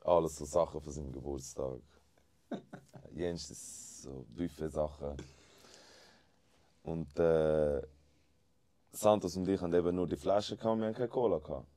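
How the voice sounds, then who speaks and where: A man telling an animated, slangy party story in a casual chat. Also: rumbling low, unhurried, pauses often. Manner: animated, acts out quotes with slangy asides.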